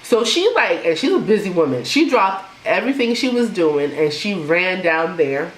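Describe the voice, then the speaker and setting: Young woman chatting to camera about her story, kinda low voice, echoey room w/ a little hiss. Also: normal speed. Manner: animated, laughs while telling, imitates others. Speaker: vlogger telling her pregnancy story. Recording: echoey room with faint noise.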